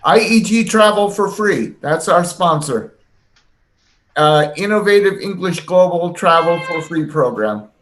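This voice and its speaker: A man's voice: high voice, animated, measured pace, a bit bright, low-quality recording. A man in his sixties from Washington State hosting a casual online class, jovial and encouraging, given to joking. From Washington State, United States. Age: 60s. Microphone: video call.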